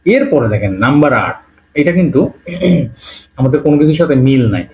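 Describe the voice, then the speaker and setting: A patient male teacher walking beginners through an alphabet, one letter at a time. He repeats each sound slowly and keeps checking in with a quick "okay?". English words slip into his explanations now and then. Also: on the high side, lively intonation, a little mellow. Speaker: language teacher. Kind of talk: Bengali-language alphabet lesson.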